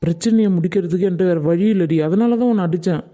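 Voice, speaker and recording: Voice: mid-range voice, fast, warm tone, close to an everyday voice. A performer voicing a fond, apologetic village husband in a cartoon, with a Tamil Nadu accent and a coaxing tone. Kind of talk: cartoon voice acting.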